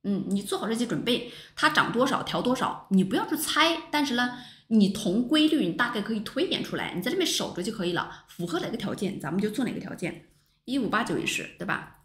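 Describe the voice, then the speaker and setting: A woman teaching a stock market lesson over chart screens, talking with lively rhetorical questions to her viewers. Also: fairly high pitch, quick pace. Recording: roomy echo.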